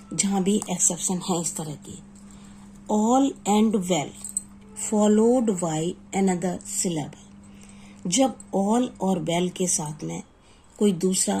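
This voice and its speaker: Slow gravelly woman teaching grammar. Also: medium pitch, warm tone, slight background noise, low-quality recording. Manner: slow, reads English rules word by word, then explains them. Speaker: English teacher. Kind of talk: exam-prep grammar lesson.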